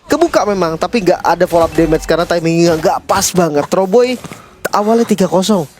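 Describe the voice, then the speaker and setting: Man, Indonesian accent, high pitch, esports co-caster, emphatic analytical commentary, repeated phrases. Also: lively intonation, brisk, a little hiss or hum. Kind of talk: live game analysis commentary.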